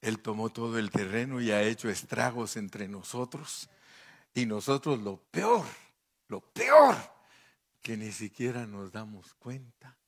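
A man's voice: lowish voice, a little slow. A man preaching a fervent sermon in church, calling listeners brother and leading them into prayer. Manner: impassioned, addresses listeners as brother. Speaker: pastor.

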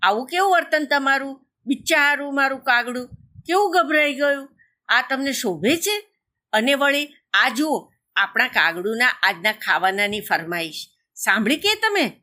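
A fussy mother crow from a children's story frets and scolds in a raised, bright voice, as a woman storyteller puts her on. She nags and keeps correcting her mate. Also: animated, normal speed. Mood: scolding. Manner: nagging, fussy, higher than her narration.

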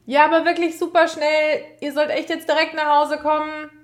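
A woman voicing an adult who calls the children home from a distance, high and loud. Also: level tone, normal speed, lightly acted. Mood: urgent. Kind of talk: children's story reading.

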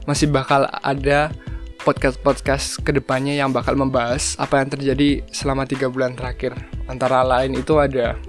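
A young man hosting a casual solo podcast, talking in a relaxed way and slipping in English phrases. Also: mid-range voice. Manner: relaxed, mixes English phrases, frequent fillers. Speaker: podcast host.

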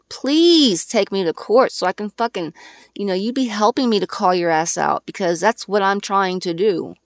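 Angry, gravelly woman ranting. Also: mid-range voice, no room sound, studio quality. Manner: angry, profane and emphatic. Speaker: podcast host. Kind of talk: casual ranting monologue.

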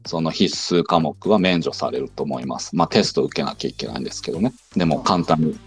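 A man's voice: very deep voice, animated, quick pace, soft background music. A man who teaches Japanese in the United States, patiently explaining things in a casual online audio chat.

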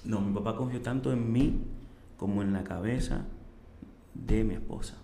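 A middle-aged man with a Dominican accent, a chef telling his story in a casual interview, animated and emotional, acting out what others said. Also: on the low side, normal speed, a little hiss or hum. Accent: Dominican Spanish. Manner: animated, acts out quoted voices, emotional. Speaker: chef and restaurant owner, guest. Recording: echoey room.

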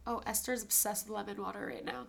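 A young woman co-hosts a podcast with a stuffy nose, chatting casually and laughing often as she tells stories. Her medium-pitched voice is steady in tone, quick, and creaky.

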